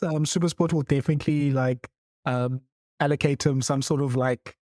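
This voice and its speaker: Easygoing South African podcast host. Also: male voice, medium pitch, fairly even intonation, moderate pace, a little mellow, dry recording, clean studio sound. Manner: easygoing, asks questions, laughs along. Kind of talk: casual chat.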